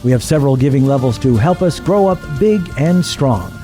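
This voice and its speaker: A man's voice: medium pitch, expressive, brisk. A man presenting a podcast, reading scripted credits and appeals to listeners. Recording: soft music behind.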